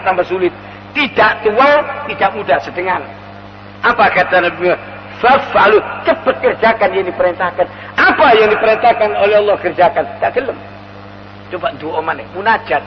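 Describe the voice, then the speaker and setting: A male Islamic preacher, telling a scripture story in a lively sermon and chanting verses slowly. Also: sits high, big-room sound, highs cut off, a little hiss or hum. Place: mosque hall.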